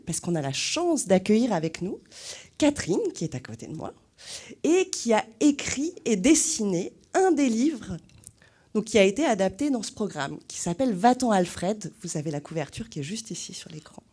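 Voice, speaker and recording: A woman hosts a children's screening at the cinema, and her pitch jumps about as she asks the kids questions. Her tone is mellow and a little husky. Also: big pitch swings, moderate pace. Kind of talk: lively talk to young children. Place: cinema hall.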